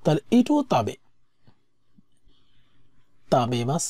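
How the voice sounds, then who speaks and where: A woman teaching a language-exam lesson, saying each word slowly and repeating it before she explains it. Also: very deep voice, wildly swooping pitch, mellow, breathy edge, dry recording, clean studio sound.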